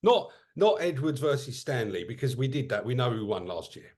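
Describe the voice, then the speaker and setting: A man co-hosting a casual podcast, talking in quick, joking bursts. He trips over his own sentences and restarts them. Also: medium pitch. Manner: animated, self-interrupting, jokey. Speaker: podcast co-host. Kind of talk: casual market chat.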